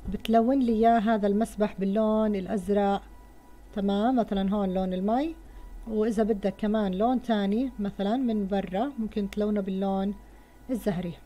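Woman, Levantine Arabic accent, children's teacher, slow word-by-word spelling, soft mellow tone. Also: a little high. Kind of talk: first-grade lesson for children.

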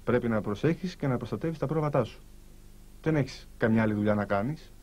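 A man voicing a lazy, sleepy sheepdog who lectures in a low, matter-of-fact way. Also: darkish tone, lightly acted. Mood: lecturing.

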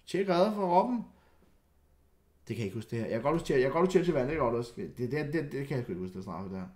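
Young man, football reaction streamer, excitable, stammering restarts, echoey room. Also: fairly high pitch. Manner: excitable, stammering restarts, loud outbursts then muttering. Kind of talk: casual reaction commentary.

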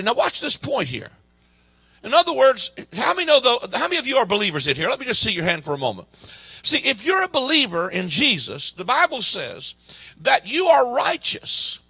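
Man, middle-aged, guest preacher, very high voice, bright, husky, folksy emphatic sermon. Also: no room sound. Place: church stage with a drum kit behind. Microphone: handheld microphone.

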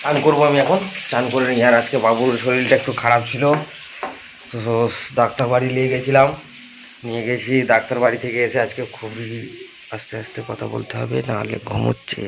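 A man's voice: medium pitch, level tone, brisk, gravelly, background noise. A man filming a casual family vlog at home, chatting to his viewers as friends while food cooks. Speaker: family vlogger. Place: home kitchen and a shop, indoors.

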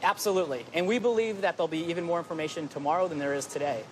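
A man's voice: a little high, rapid-fire, a little hiss or hum, rough recording. A man in his thirties explaining his company on an outdoor TV set, eager and confident. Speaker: company co-founder guest. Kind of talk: business news interview.

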